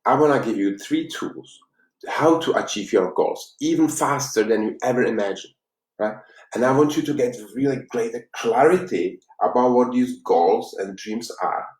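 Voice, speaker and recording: A man's voice: medium pitch, normal speed, darkish tone, recorded from a distance. A man with a Czech accent, a life coach giving an earnest, motivational workshop talk with non-native phrasing. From Czech Republic. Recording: echoey room, speaker away from mic.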